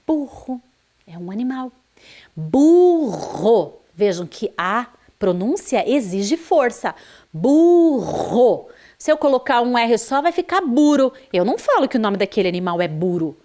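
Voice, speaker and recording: A woman's voice: fairly high pitch, expressive, brisk, few pauses. A Brazilian woman teaching a primary school video lesson, drawing out words and stressing their sounds for young children. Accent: Brazilian Portuguese.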